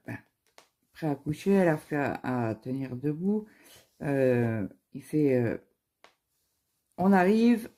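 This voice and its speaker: Young woman chatting away on her craft vlog, retelling a story and quoting everyone, lots of euh and restarts, soft mellow voice. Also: very deep voice, breathy edge. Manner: retells events through quoted dialogue, with frequent fillers and restarts. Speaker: craft vlogger. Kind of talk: casual chat, telling a personal story.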